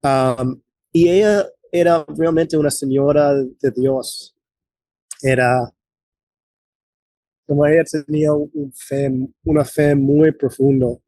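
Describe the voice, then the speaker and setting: A man in his late forties from the United States speaks as an interview guest. He talks haltingly, often restarting a phrase and reaching for words. His voice is mellow and the sound is dry and close. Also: a little high, steady tone, no room sound. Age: late 40s. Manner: halting, many restarts and fillers. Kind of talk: conversational interview.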